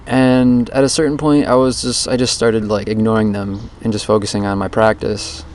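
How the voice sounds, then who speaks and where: A man with a slightly low voice talks casually into a handheld voice recorder outdoors. His delivery is even and barely varies in pitch as he rambles introspectively, like an audio diary. The dictaphone recording carries faint background noise. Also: moderate pace. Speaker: vlogger recording a daily challenge diary. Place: outdoors under a bridge.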